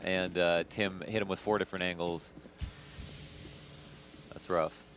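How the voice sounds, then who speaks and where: A man's voice: low-pitched, level tone, measured pace, background noise. A man giving conversational, analytical commentary on a live video game match as the analyst of the broadcast.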